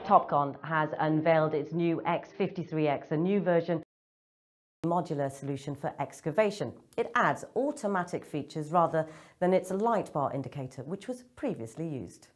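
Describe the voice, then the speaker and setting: A woman presenting news roundups in a measured, informative scripted style. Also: sits low, animated. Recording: noisy background ambience.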